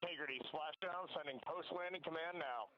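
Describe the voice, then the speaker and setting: A man's voice: a little high, brisk, highs cut off. A man making clipped, procedural calls over a radio communicator link. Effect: radio communicator transmission. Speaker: spacecraft radio operator. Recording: distant noisy radio link.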